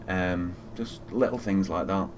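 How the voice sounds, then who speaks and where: A Fijian man streams a flight simulator, giving casual, low-key live commentary at a measured pace and muttering through procedures as he goes. There's noise in the background.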